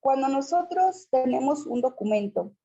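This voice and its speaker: A woman's voice: sits high, lively intonation, moderate pace, warm tone, husky, dull audio. A woman teacher walks students through a computer screen tutorial, patiently checking in with them as she goes.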